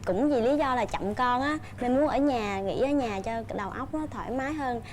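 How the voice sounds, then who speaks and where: A woman's voice: fairly high pitch, normal speed, over music. A woman, a daughter-in-law on a talk show, telling stories about her home life in a candid way. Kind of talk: casual talk show chat.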